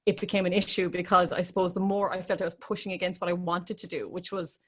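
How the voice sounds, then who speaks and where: A woman's voice: lowish voice, level tone, fast talker, fairly bright tone. A woman with an Irish accent speaking as an interview guest, telling her story in a candid, reflective, conversational way. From Ireland. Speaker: interview guest, classical crossover singer.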